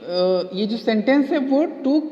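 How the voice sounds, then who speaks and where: A woman teacher explaining grammar slowly and deliberately, switching between Hindi and English and repeating words syllable by syllable. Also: on the high side, animated. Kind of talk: grammar lesson. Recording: roomy, echoey, dull lo-fi sound with faint hiss.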